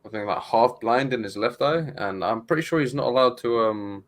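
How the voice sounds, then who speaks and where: A man's voice: mid-range voice, a little fast. A young British man co-hosting a casual podcast chat, argumentative and swearing. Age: young adult. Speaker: podcast co-host.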